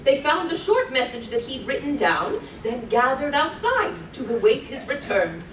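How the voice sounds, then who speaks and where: A woman playing a cheerful, gentle Mrs. Claus, reading rhymes to children in a sing-song, encouraging way with chatty asides. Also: high voice, big pitch swings, normal speed. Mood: bright storytelling. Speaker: character storyteller at a children's event. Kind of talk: live storytelling to children, rhymed picture-book reading. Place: indoor room on a cruise ship. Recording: distant mic, roomy echo, faint noise.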